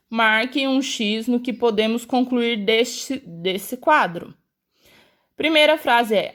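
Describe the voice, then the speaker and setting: A woman's voice: on the high side, a bit bright. A woman teacher with a Brazilian accent, patiently taking young pupils through a school worksheet step by step and talking to them directly. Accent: Brazilian Portuguese. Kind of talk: explaining a school worksheet to children.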